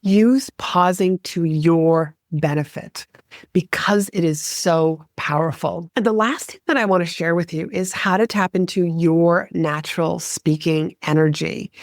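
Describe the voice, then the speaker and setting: A woman hosting her podcast as a speaking coach, talking straight to the listener and switching deliberately between quick and slow delivery. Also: lowish voice, no echo, studio quality. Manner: coaching, addresses listener directly. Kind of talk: solo podcast teaching.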